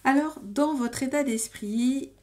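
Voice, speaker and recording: A woman's voice: high voice, slow, mellow. A woman giving a casual tarot reading to her viewers, talking in a hesitant, meandering way full of fillers and restarts. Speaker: tarot reader.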